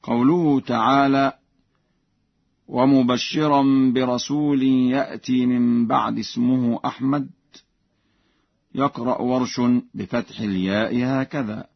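Man teaching quran recitation, slow careful talk then chanting, muffled dry sound. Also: mid-range voice, fairly even intonation, husky, dry recording. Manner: measured explanation alternating with slow melodic chanting. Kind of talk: recitation lesson with chanted examples.

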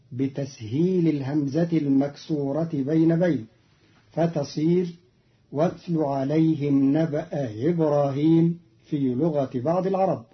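Slow, measured man explaining Quranic readings. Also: fairly high pitch, lo-fi sound. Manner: measured, explanatory, slows to chant quoted verses. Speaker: Quran recitation teacher. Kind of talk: scripted lesson on Quranic readings.

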